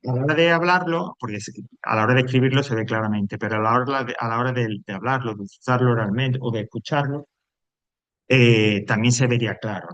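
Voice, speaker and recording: A man gives a recorded lesson, walking his students through each point one step at a time. He sits at a medium pitch and often stops to check that they are following. The sound is dry and close, with no room echo. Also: fairly quick, a bit bright. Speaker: English teacher.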